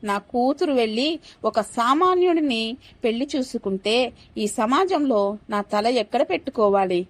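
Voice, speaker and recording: Storybook drama: a woman playing a haughty wealthy mother, domineering and scornful, pitched a little high. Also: no room sound. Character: arrogant status-proud rich middle-aged mother.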